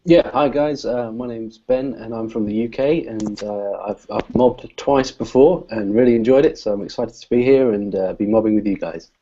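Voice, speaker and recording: A man's voice: mid-range voice, moderate pace, hardly any pauses, warm tone. A man introducing himself casually on a video call, easygoing with some hesitation. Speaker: participant. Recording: muffled lo-fi audio.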